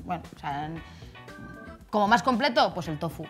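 A woman with a Spanish accent, a pharmacist guest, joking around and breaking into slow improvised songs. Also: fairly low pitch, lively intonation, soft background music. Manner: jokey, teasing, sings slowly in a mock tune. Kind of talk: playful chat with improvised singing.

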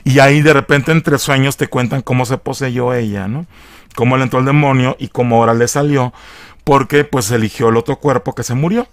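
A man's voice: medium pitch, steady tone, a little fast, no room sound. A man with a Mexican accent casually recapping a film, profane and mocking in a chatty way. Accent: Mexican Spanish. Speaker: film reviewer.

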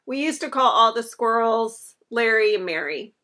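She sounds sharp-toned and a little high, with lively intonation at a moderate pace. This woman in her thirties is casually unboxing home decor on camera in her living room, chatty and gushing over each item, with the camera picking her up from across the room.

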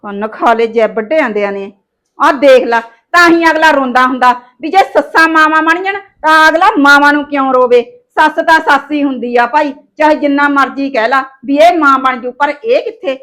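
A woman's voice: sits high, moderate pace, fairly bright tone. A woman, playing a scheming daughter-in-law who scolds and wheedles in a village family drama. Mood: grumbling. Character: sharp-tongued scheming young daughter-in-law.

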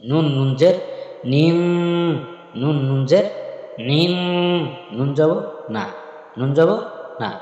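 A man teaching a religious recitation syllable by syllable, spelling each sound slowly and repeating every step. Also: a little high, dark tone, muffled recording. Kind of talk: slow spelled-out recitation lesson. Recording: echoey hall with long reverb.

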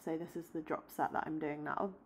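A fitness vlogger in her twenties chats casually with her followers indoors at home, close to her phone camera. Her voice is a little low for a woman, brisk with a breathy edge, upbeat and chatty up close. She turns steady and explanatory when voicing over her training.

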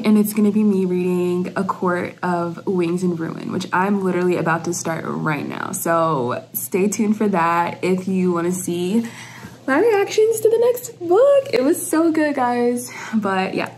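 A young woman vlogging as she reads, chatting casually and excitably, full of "like" and gushing reactions. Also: medium pitch, a little hiss or hum. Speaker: book vlogger. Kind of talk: casual reading vlog chat. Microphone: filming herself on camera.

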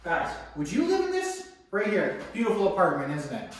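In an echoey, vacant apartment, a young adult Canadian real estate investor walks the camera through his renovation, the camera held a few steps away by someone else. His high voice swoops wildly in pitch at a moderate pace, with a little hiss or hum present. He stays upbeat and chatty, calling viewers guys again and again.

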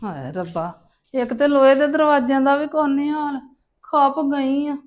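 A woman's voice: sits high, little pitch movement, normal speed, dull audio, lightly acted. A woman playing a fretful, grumbling and demanding mother-in-law in a family drama. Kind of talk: dramatic monologue and phone dialogue in a family serial.

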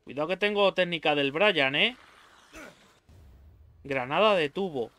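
Young guy from spain yelling and cursing thru a horror game, high voice, slow talker, dry close mic. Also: dry recording. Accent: Spain Spanish. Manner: swears freely, yelps in fright. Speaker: gaming YouTuber. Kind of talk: let's play commentary.

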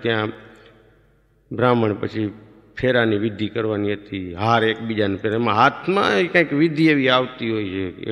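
A male stand-up comedian, telling a comic story in a folksy, animated way. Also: fairly low pitch, lo-fi sound. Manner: folksy, animated, playing to the laughs. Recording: live hall reverb.

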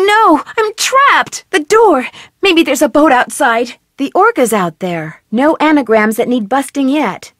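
As the protagonist of a video game, a curious and cheerful young woman detective talks to herself in a chirpy, high voice, fully in character. The actress's lines are short, quick asides, captured dry and clean in a studio.

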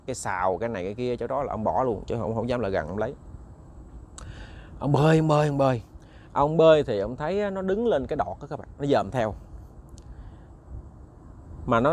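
A man's voice: mid-range voice, a little mellow. A man with a Southern Vietnamese accent, hosting and casually telling a ghost story straight to his listeners, often repeating words as he searches for the next one. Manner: chatty, repeats words while searching, addresses listeners directly. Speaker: ghost story narrator, channel host.

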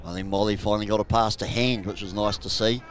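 A man with a New Zealand accent calling a live rugby match outdoors, chatty and jokey, bursting into excited shouts at big plays. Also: lowish voice, fast. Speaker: rugby commentator. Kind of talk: live sports commentary.

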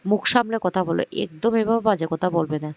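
A man's voice: high voice, fast talker, vocal fry, dry recording. A man voicing a hurt, protective middle-aged uncle who speaks indignantly.

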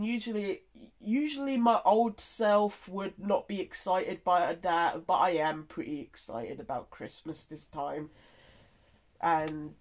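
Here a content creator halts and wanders through an easygoing update, nose blocked up by a cold and energy clearly low. The voice falls in the mid range.

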